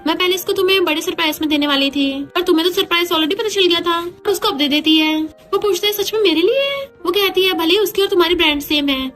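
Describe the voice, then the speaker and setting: A woman's voice: very high voice, fast talker, hardly any pauses, a bit bright, soft background music. A woman retelling a romance drama plot, reading the characters' quoted lines in her own narrating voice.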